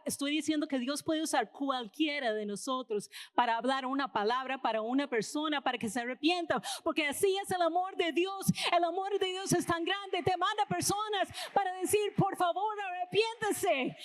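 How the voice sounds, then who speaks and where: High-voiced American woman preaching in Spanish. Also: normal speed, few pauses. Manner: casual storytelling, tags lines with "¿verdad?". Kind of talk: conversational sermon. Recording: reverberant hall.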